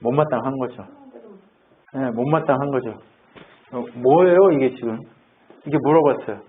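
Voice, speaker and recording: A man's voice: mid-range voice, normal speed. A man preaching a sermon as pastor, acting out quoted characters and building to fervent exhortation. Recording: tinny phone-like audio.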